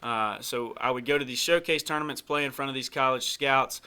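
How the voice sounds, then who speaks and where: Young man, host, bright forceful voice, easygoing, halting delivery. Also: mid-range voice, clean tone. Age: young adult. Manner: easygoing, halting with fillers and restarts. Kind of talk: casual interview chat.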